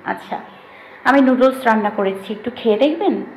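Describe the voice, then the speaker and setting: A woman voicing a spirited young woman who mutters and sulks, over soft music. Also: a little high, normal speed, reverberant, close to an everyday voice, low-quality recording. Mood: timid. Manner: sulky, muttering. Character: sulky, spirited young woman, cheeky and mumbling.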